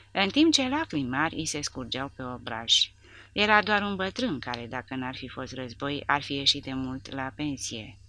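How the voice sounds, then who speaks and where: Woman narrator for a war audiobook; low, bright, dramatic reading. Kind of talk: scripted narration.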